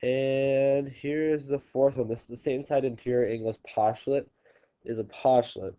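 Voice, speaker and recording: Explaining geometry step by step in a recorded classroom video, a man with a congested nose speaks at normal speed in a mid-range voice with fairly even intonation. He frequently says "um" and starts over, and the lo-fi recording sounds slightly dull.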